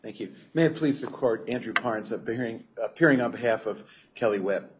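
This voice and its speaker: A man speaks as an appellate lawyer, giving a formal, explanatory legal argument in a somewhat halting way. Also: mid-range voice. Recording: dull courtroom recording, faint noise.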